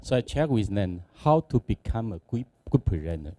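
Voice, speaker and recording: A man from Taiwan with a Taiwanese accent, speaking non-native English haltingly as he gives a conference presentation. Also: fairly low pitch, big pitch swings, warm tone, no echo. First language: not English. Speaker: conference speaker, company executive.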